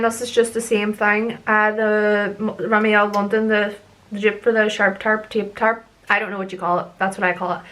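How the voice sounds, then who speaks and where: A woman's voice: medium pitch, a bit bright. A young woman chatting casually through her makeup routine as a beauty vlogger, rambling and tripping over her words as she laughs at herself. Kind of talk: casual makeup tutorial chat.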